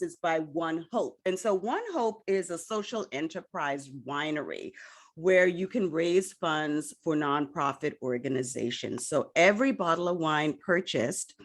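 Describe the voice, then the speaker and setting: A woman's voice: on the low side, unhurried. A woman hosting a casual interview podcast, chatty and laughing easily, often adding "right?" to her points. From lived in Miami. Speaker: podcast host.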